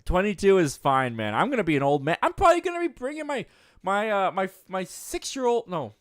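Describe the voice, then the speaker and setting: A man's voice: sits high, big pitch swings, fairly quick, fairly bright tone, dry recording, clean studio sound. A man in his twenties hosting a live movie show, chatting casually as he reads viewer comments and often laughing at his own jokes. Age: 20s.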